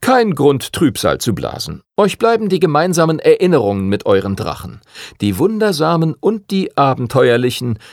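A patient older master teacher of dragon riders from an audiobook, voiced by a man. He lectures in a calm, measured way, his voice lifted above the narration, lively and slightly gravelly, in a dry recording. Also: on the high side, no room sound, voice pushed up. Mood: calm lecturing.

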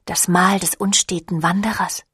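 A woman's voice: on the low side, flat delivery, normal speed, a bit bright, slightly rough, no echo, studio quality. Woman voicing a teasing vampire queen. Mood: coaxing. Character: seductive ancient female vampire clan leader. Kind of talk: audiobook reading.

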